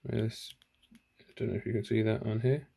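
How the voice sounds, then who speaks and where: This channel host's voice is fairly low, husky and warm, with vocal fry, little pitch movement and a moderate pace. He chats casually through an unboxing at home, thinking aloud and fixing his own slips, holding a phone camera in one hand.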